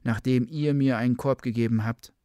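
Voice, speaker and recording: A man's voice: medium pitch, fairly even intonation, normal speed, dark tone, clean tone, dry recording, natural voice. A man voicing a scheming, cowardly nobleman who was caught out and now pleads nervously and defensively, in a read-aloud legend with a dry sound.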